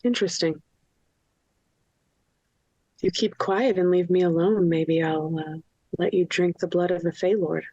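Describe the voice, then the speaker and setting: A woman playing a guarded, firm female adventurer in a tabletop fantasy game, blunt and deliberate in speech. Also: fairly low pitch, fairly even intonation, dark tone, no echo, muffled recording. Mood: guarded, bargaining.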